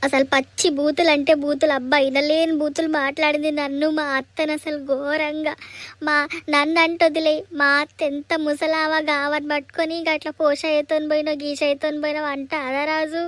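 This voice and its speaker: A woman's voice: high-pitched, flat delivery, brisk, a bit bright, no room sound. A woman voicing an aggrieved young village woman with a Telangana accent, complaining plaintively. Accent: Telangana Telugu.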